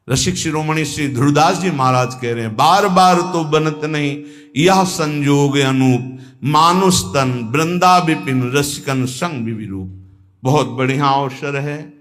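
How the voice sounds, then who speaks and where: A man giving a devotional sermon, speaking deliberately and breaking into sung verses. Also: fairly high pitch, fairly bright tone. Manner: slow, chants Sanskrit verses in a sung tone. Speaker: spiritual preacher.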